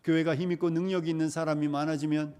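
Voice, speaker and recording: A man's voice: fairly high pitch, level tone, fast, a little mellow, clean tone. A male pastor preaching a sermon, asking rhetorical questions and driving points home with repetition.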